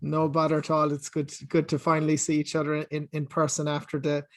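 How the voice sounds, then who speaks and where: Man, interview host, polite, higher voice, dry sound. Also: completely flat delivery, a little fast, fairly bright tone, no echo. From Ireland. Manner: friendly, polite questioning. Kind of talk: hosting an interview.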